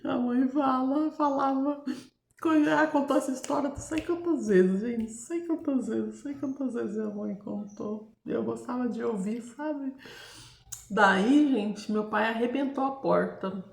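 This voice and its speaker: A woman with a Brazilian Portuguese accent shares a personal testimony in a casual, chatty way, frequently turning to her listeners with tag questions while hesitating, restarting and groping for words. Her voice is on the high side, a bit slow and creaky, with a roomy sound.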